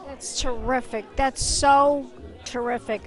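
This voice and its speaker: Theatrical, gushing high-voiced woman show host. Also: steady tone, takes it slowly, some chatter behind. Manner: theatrical, gushing, calls people darling. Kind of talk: on-location arts event interview. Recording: music behind. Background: background music at an event.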